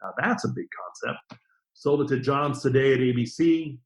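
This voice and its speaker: A middle-aged man, a guest on a podcast, telling stories about his career in a casual, lively way and acting out the quotes. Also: medium pitch, moderate pace, rough recording. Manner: lively anecdotes with acted-out quotes. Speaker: podcast guest, TV formats distributor. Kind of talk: casual interview storytelling.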